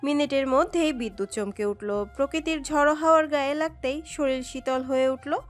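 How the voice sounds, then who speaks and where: A woman reading a romantic story aloud in an expressive, dramatic narration. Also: sits high, moderate pace. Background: soft background music.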